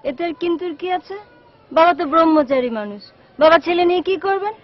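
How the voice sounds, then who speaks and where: A faithful village wife with a high, lively voice. She speaks in a reassuring, steady manner. The film sound is dull and lo-fi. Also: fast talker. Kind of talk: devotional film acting.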